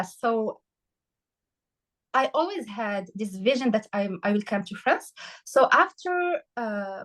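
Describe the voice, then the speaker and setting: A woman from Morocco speaks as a guest in an interview, her voice a little high and her pace slow. She hesitates often, with fillers and restarts, and emotion shows as she tells her story. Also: rough recording. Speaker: podcast guest, health coach. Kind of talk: casual interview conversation.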